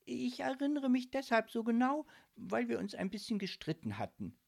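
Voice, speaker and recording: Woman voicing an eager young woman, high-pitched. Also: animated. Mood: earnest. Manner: quick, eager. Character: young woman, quick and earnest.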